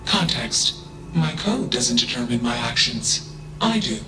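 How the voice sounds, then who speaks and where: A man voicing a cold, logical male AI robot in a video game, speaking in a flat, emotionless way and tagging each statement with a one-word label. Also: medium pitch, measured pace, soft background music. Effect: flat emotionless machine voice.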